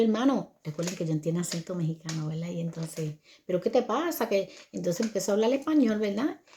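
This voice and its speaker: Speaking in a dark, lowish voice, an older woman recounts for viewers how she raised her son. She keeps it conversational and often pauses to engage those listening.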